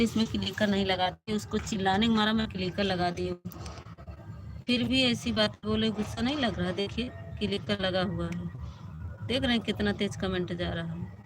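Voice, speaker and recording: A woman's voice: medium pitch, noisy background. A woman hosting a phone live stream, chatting casually and complaining to her viewers, often repeating herself.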